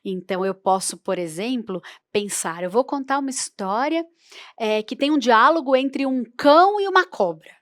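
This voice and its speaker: A woman's voice: a little high, lively intonation, moderate pace, a bit bright, dry recording, studio quality. A woman teaching oral storytelling in a workshop, playful and demonstrative as she varies her voice. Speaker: storytelling instructor.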